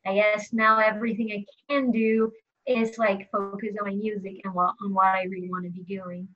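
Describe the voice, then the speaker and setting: Being interviewed as a musician guest, a young woman from Brazil talks casually in a mid-range, flat voice at a moderate pace. She fills her speech with "like" and little laughs, in a chatty manner, recorded with slightly dull lo-fi sound.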